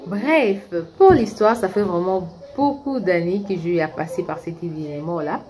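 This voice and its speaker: Speaking at a normal speed in a lowish, darkish voice, this middle-aged woman from Kinshasa chats through a personal story for her vlog. She addresses her viewers directly in a relaxed monologue, often starting her sentences over.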